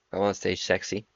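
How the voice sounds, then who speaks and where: Low gravelly young man streaming. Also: dry recording, highs cut off. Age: 20s. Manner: profane, joking banter. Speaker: trading livestream host. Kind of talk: casual stream chat.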